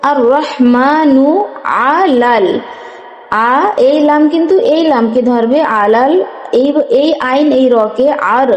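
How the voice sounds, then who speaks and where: A woman teaching Quran reading, spelling out syllables slowly and then explaining the rules briskly. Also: high-pitched, a little mellow, muffled recording. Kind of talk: slow spelled-out recitation lesson. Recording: echoey room with long reverb.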